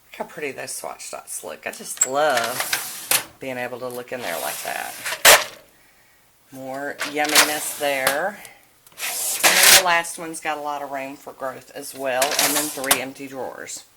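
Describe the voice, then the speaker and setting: Low-pitched woman over heavy background noise. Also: unhurried. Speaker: vlogger showing a nail polish collection. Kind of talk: casual video tour narration. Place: indoors at home, handheld camera, drawers handled. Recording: noisy home recording with clicks.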